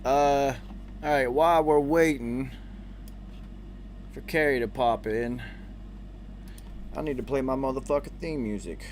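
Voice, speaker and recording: A man's voice: medium pitch, unhurried, pauses often, a little hiss or hum. A man hosting a casual livestream, talking in slangy, profane bursts with repeated hype greetings. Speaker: live stream host.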